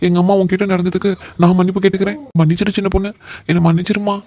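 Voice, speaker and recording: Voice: medium pitch, little pitch movement, racing, mellow, natural voice. A voice actor playing a meek young husband in a cartoon comedy, pleading and apologetic. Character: meek young husband caught between wife and mother.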